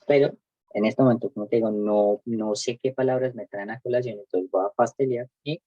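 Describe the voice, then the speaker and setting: A man's voice: medium pitch, fairly even intonation, brisk, no room sound, dull audio. A young man, teaching an English lesson one-on-one and explaining step by step with many fillers.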